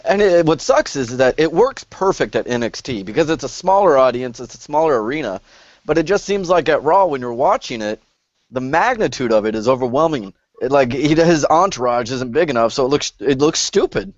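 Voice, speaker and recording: A young man co-hosting a podcast in a mid-pitched voice, opinionated and teasing. The sound is dry and a bit dull, as if recorded at home. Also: animated, brisk, no room sound. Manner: opinionated, teasing, trash-talking. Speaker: podcast co-host. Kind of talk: casual podcast banter.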